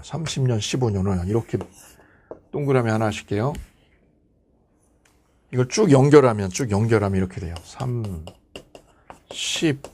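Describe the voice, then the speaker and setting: A man's voice: mid-range voice, a little mellow, a little hiss or hum. A man teaching a law exam prep lecture. He asks himself questions, answers them, and repeats the key numbers.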